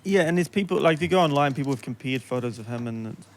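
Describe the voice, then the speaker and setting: A man's voice: medium pitch, expressive, quick pace. Joking laid-back New man. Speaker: podcast host. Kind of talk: casual chat.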